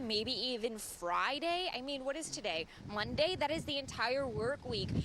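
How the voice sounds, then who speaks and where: A woman meteorologist explaining a storm forecast live from outdoors. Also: high-pitched. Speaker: field meteorologist reporter. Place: outdoors by docks in hurricane wind. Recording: loud wind and vehicle noise outdoors.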